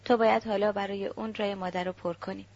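A gentle, grieving uncle offers soft words of comfort, read out by a woman narrating a storybook. The recording is dull and lo-fi. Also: mid-range voice, level tone, natural voice. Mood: consoling. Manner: soft consoling. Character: grieving kindly uncle, middle-aged man, gentle.

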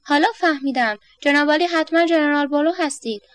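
A woman's voice: sits high, no room sound, close to an everyday voice. A woman voicing a flustered middle-aged man who wants peace at home, sarcastic and exasperated. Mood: outraged.

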